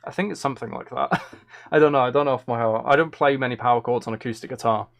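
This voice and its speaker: A British man with a medium-pitched, quick voice and some vocal fry rambles casually, thinking aloud like a streamer chatting while working on music during a livestream. He's recorded close on a streaming microphone.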